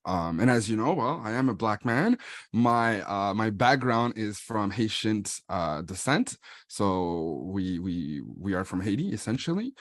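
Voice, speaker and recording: Relaxed low-voiced bilingual man in his thirties. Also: slow, no echo, studio quality. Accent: Franco-Ontarian French. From born in Paris, raised in Ottawa. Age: 30s. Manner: switches between French and English, relaxed with fillers. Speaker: musician introducing himself. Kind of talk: bilingual casual vlog.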